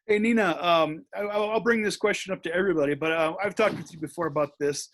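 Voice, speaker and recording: Halting man host on a call. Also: sits high, a bit bright. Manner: halting, full of fillers and restarts while asking. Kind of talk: interviewing guests on a video call. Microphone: video call.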